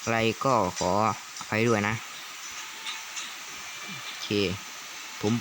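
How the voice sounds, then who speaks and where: A young man casually commentating a strategy game, excitable and swearing at times. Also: takes it slowly. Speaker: gaming YouTuber. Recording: loud background noise.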